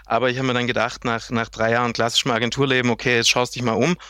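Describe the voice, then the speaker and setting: Man, 30s, from Germany, sales director as guest; bright tone, dry close sound, lively long explanations. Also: mid-range voice, fast, clear, resonant tone, dry recording. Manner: lively, explains at length with acted-out client quotes. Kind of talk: casual interview chat.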